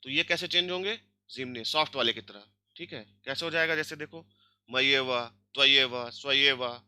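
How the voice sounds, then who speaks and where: A man's voice: fairly high pitch, animated, fairly quick, bright, forceful tone. A man teaching a grammar lesson online, explaining step by step and checking in often with his students. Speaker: language teacher.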